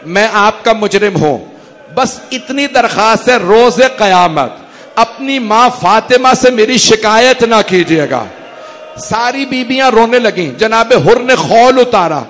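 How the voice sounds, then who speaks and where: Guy with a high voice giving a fervent mourning sermon, big reverby prayer hall. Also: a bit bright. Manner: fervent, declamatory storytelling. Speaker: mourning-gathering preacher. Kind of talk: sermon recounting a lament.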